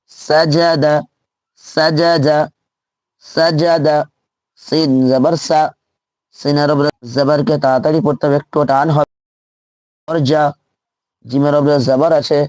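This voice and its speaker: A man's voice: a little high, a little mellow, no echo. A man teaching Quran reading in a live online lesson, drilling letters and syllables aloud and repeating each one patiently.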